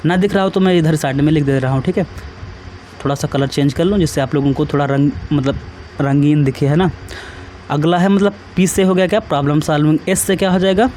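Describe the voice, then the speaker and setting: A man's voice: on the high side, darkish tone, slight background noise. A man, teaching an exam-prep lesson in a casual, repetitive way and often checking that students follow. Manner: repetitive, asks students questions, adds tag questions.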